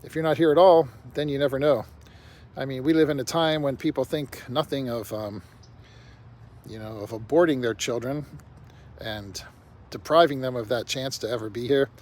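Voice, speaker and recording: A man's voice: medium pitch, moderate pace, darkish tone. An older man talking bluntly to camera in a rambling casual monologue, peppered with "you know". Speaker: vlogger. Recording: faint outdoor traffic noise.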